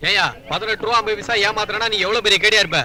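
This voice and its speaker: A greedy, blustering cop. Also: male voice, high-pitched, steady tone, racing, bright, forceful tone. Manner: blustering, bargaining for bribes. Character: petty bribe-seeking policeman, gruff and greedy.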